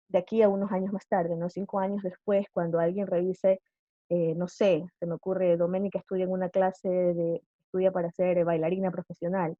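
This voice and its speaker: A woman's voice: medium pitch, mellow, no room sound, highs cut off. A woman teacher giving a live online class, patiently quizzing her students with questions.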